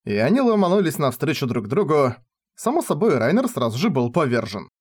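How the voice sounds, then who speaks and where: A man narrating an audiobook with expressive, dramatic storytelling. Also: on the high side, fairly quick, husky. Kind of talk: audiobook narration of a light novel.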